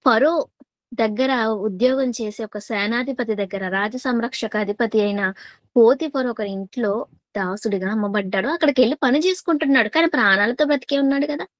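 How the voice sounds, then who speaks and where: A woman preacher delivering a sermon in a fairly high voice. She keeps putting questions to her listeners and says key lines twice for weight. The sound is dry and close. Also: normal speed, dry recording.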